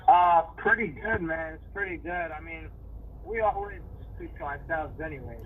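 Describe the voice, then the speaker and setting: A man calling in to a talk show, giving short, relaxed answers. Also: a little high, normal speed, far from the mic, slight background noise. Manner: short, laid-back answers. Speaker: caller. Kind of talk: casual phone call. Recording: tinny phone line.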